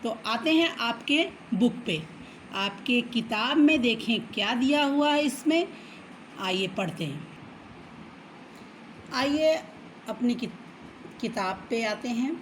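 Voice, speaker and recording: A woman teacher patiently explaining a children's lesson, often checking in with a quick okay and drawing words out slowly to sound them out. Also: a little high, expressive, a little hiss or hum, rough recording. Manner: slow, drawn-out syllables when reading words aloud. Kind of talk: children's Hindi alphabet lesson.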